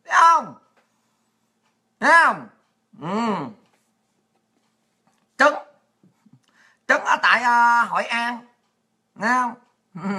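Woman, mocking ranting host, crude and sarcastic, bright edge to the voice. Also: on the high side. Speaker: political commentator. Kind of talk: ranting monologue.

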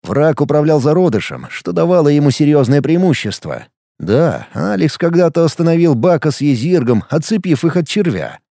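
A man giving expressive scripted narration of a fantasy audiobook. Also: fairly high pitch, moderate pace, gravelly, no echo, clean studio sound.

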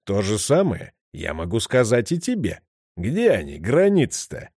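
A man's voice: on the low side, huge pitch swings, moderate pace, darkish tone, dry recording, studio quality, heavily acted. A man voicing a crude, aggressive heavyset man with a coarse, leering manner. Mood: furious. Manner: growling, aggressive. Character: crude menacing heavyset man, middle-aged.

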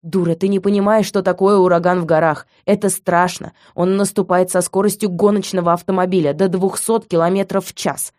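Woman reader doing a domineering young man, slow and heavy, mellow and dry-voiced. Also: lowish voice, steady tone, no room sound, natural voice. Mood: stern. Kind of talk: audiobook reading.

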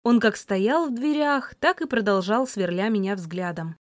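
A woman narrating a first-person novel as an audiobook, lively and voicing the heroine's sharp retorts. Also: medium pitch, normal speed, no echo, studio quality.

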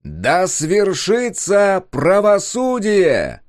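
A booming male announcer rings out over a distant loudspeaker. He proclaims each word slowly, pitched far above a man's usual voice, with a dry close sound beneath the distance. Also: wildly swooping pitch, dry recording, soft background music, full character voice. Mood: proclaiming. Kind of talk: audiobook narration.

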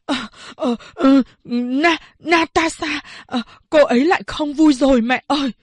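A man's voice: very high voice, slow pace, dry recording, heavily acted. A woman voicing a young man haunted by visions of his lost love, who stammers and calls out again and again. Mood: distraught. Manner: stammering, breathless repeated calls.

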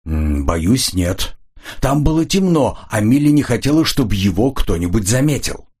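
A man's voice: on the low side, big pitch swings, moderate pace, a little mellow, husky, voice pushed up, exaggerated voice. A man doing a sullen, curt ex-agent. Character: curt, defensive former agent turned swindler.

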